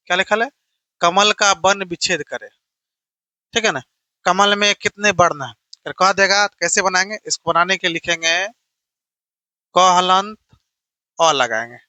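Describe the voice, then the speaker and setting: A male teacher runs through an exam-prep grammar lesson in a high, bright voice. He repeats each point and keeps checking that the class is following. The sound is dry and close, with little room echo. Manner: repetitive, keeps checking "theek hai na"; asks and answers his own questions.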